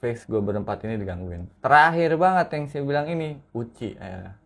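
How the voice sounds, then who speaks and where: A man's voice: medium pitch, very animated, fairly quick, gravelly. A young man, a podcast guest telling his horror story in casual slang with acted quotes.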